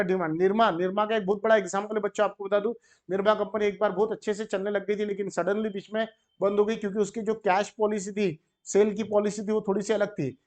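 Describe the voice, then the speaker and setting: A man with an Indian accent lectures a commerce class in a fairly high voice. He keeps the room engaged by asking questions and briefly acting out shopkeepers and sellers. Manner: animated, asks the class questions and acts out shopkeepers. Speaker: commerce tutor.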